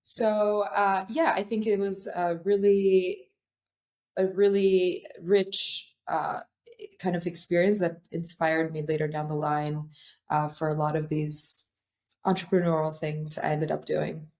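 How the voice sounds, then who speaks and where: A woman's voice: fairly low pitch, flat delivery, measured pace, a little mellow. A young woman from Albania, a founder, talking thoughtfully in a podcast interview with many fillers and restarts. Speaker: guest, startup founder.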